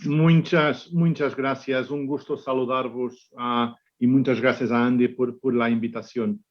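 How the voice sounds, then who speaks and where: A man's voice: mid-range voice, fairly even intonation, unhurried, dull audio. A man who is a native Portuguese speaker gives a conference talk in a Spanish-Portuguese mix with a Portuguese accent, often repeating words as he searches for phrasing. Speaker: conference speaker, business executive. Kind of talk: unscripted conference presentation.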